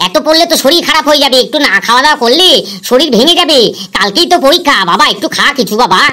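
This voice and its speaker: A woman's voice: high-pitched, expressive, racing, bright, forceful tone. A woman voicing a fretful, doting father in a cartoon, fondly coaxing his son to eat. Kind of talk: cartoon voice acting.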